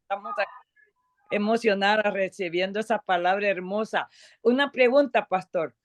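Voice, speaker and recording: A woman's voice: medium pitch, normal speed. A woman on a video call asking a question in class, hesitant and full of fillers. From United States. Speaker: student.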